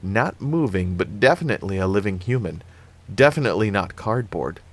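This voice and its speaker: A man reading a novel aloud in a lively, expressive way. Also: on the low side, normal speed. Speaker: reader.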